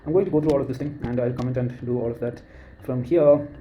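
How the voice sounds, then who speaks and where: A man with an Indian accent talking through his screen in a casual walkthrough, thinking aloud and pausing on fillers. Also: mid-range voice, highs cut off, music in the background. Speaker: creator.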